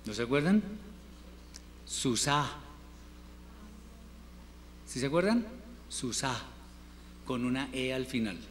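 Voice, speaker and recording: A man teaching a Hebrew class, patiently drilling word forms and repeating them slowly for his students. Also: medium pitch, very animated. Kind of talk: classroom lesson. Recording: reverberant room with faint noise.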